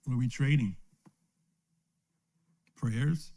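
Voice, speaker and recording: A man's voice: medium pitch, takes it slowly, dark tone. A man, an elder, teaching an informal Bible lesson who keeps checking in with "right?" and chuckles often. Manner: asks "right?" after most points, chuckles often. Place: recorded at home or a small study, streamed live.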